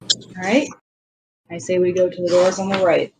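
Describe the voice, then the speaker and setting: A woman's voice: lowish voice, flat delivery, normal speed, noisy background. A woman player in a tabletop game, chatting casually and thinking aloud about her moves. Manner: easygoing, thinks aloud while planning moves.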